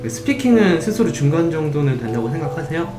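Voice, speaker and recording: A man's voice: on the high side, big pitch swings, fast, echoey room, music in the background. A man voicing a blunt male working holiday counselor who gives matter-of-fact advice.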